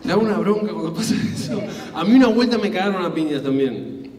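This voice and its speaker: A man with an Argentine Spanish accent doing stand-up crowd work on a comedy club stage, loose and animated, swearing and acting out scenes. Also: high voice, quick pace. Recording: echoey hall, taped from far off.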